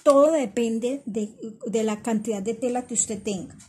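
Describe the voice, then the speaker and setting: A woman's voice: on the high side, moderate pace, slight background noise. A middle-aged woman teaching a sewing pattern-making class, explaining each step patiently and repeating measurements, and calling her students "my girls". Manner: addresses students warmly as "my girls". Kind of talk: step-by-step instructional lesson.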